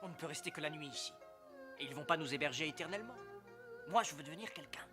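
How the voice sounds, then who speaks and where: A man's voice: on the high side, lively intonation, quick pace, music in the background, close to an everyday voice. An actor playing an ambitious, scheming young man hungry for wealth in a French martial arts film dub. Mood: determined.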